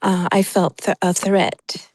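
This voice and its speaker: On a video call, a woman with a mid-range, slightly mellow voice tells a personal story slowly and flatly, with no echo. A member of a prayer group, she rambles casually and often stops to hunt for words.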